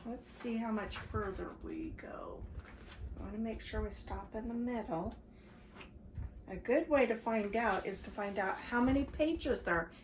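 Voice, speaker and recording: Older woman, story-time grandma, bright pitch, animated asides, echoey room with faint hiss. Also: a little slow. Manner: animated, asides to young listeners. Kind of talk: read-aloud story time. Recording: roomy echo, faint background hiss.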